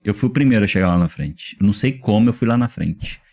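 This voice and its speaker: A man's voice: on the low side, fast talker. A young adult man from Rio de Janeiro with a Carioca accent, a youth pastor telling his story in a casual interview, full of slang and acted-out quotes. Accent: Carioca Portuguese. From Rio de Janeiro, Brazil. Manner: animated storyteller, slangy, acts out quoted voices. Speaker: youth pastor, podcast guest.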